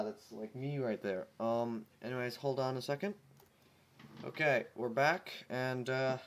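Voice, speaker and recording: A channel host with a medium-pitched, slightly bright voice reads a piece of fan fiction aloud in a casual way. He's amused, stumbles over words often, comments on the story, and laughs at the text.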